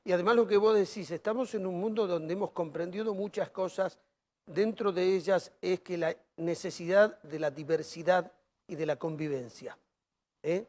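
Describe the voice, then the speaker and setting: A man with an Argentine accent hosts an interview in a high voice. He frames questions at length and sums up his guest's points in relaxed, informal speech. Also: moderate pace. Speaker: talk show host. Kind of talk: interview hosting.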